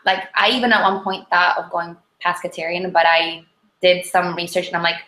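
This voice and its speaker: A woman with a Polish accent chatting casually and informally, in an animated, rambling way, as an interview guest. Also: on the low side, normal speed. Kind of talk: casual chat about diet. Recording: echoey, roomy sound.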